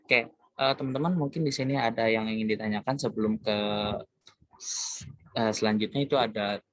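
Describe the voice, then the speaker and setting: A man's voice: fairly low pitch, fairly quick, fairly bright tone, dry recording, highs cut off. A young man from Indonesia giving a class presentation, talking casually to his classmates with many hesitant fillers. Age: young adult. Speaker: student presenter.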